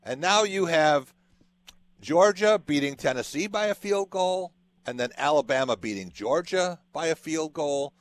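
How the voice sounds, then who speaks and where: A man's voice: a little high, expressive, unhurried. A man hosting a sports radio interview, laying out long hypothetical scenarios for his guest.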